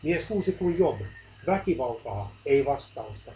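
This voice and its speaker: A man's voice: medium pitch, very animated, dark tone, slight background noise, low-quality recording. Earnest male reader of a devotional book. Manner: earnest and measured.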